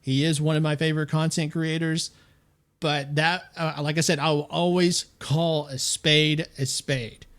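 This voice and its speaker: A man's voice: fairly high pitch, level tone, unhurried, a bit bright. A man streaming his commentary, talking bluntly and opinionatedly about another creator. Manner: blunt and opinionated, stresses words. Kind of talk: casual commentary.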